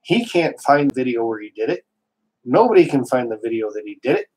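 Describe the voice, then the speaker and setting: A man's voice: mid-range voice, big pitch swings, a little fast, a little mellow, husky, rough recording. A man hosting a casual live stream, worked up and emphatic, rambling with restarts and mild swearing, from Canada.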